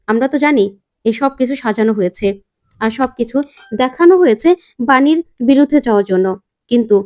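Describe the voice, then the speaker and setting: A woman voicing a cautious male lawyer who explains that solid proof is needed, in a measured way. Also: very high-pitched, darkish tone.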